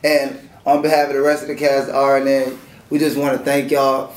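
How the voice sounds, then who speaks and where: A man's voice: mid-range voice, completely flat delivery, a little fast. A young man hosting a show, signing off in a laid-back, slangy way and thanking the viewers. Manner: laid-back, slangy, repeats "you know what I'm saying". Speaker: show host. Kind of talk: casual sign-off chat. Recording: echoey room.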